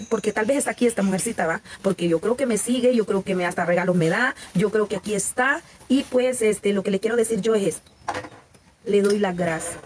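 A Salvadoran woman in her forties talks candidly to viewers on a live stream, and her voice sits at a medium pitch. She is chatty and frank and restarts her sentences often. Faint background noise and small clicks run under her voice. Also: a little mellow. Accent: Salvadoran Spanish. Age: 40s. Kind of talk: casual live-stream chat.

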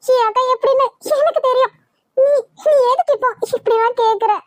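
A woman's voice: very high voice, fairly quick, dry recording. A woman voicing a loyal younger sister comforting her sibling, with a Kanyakumari Tamil accent. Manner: pleading, comforting.

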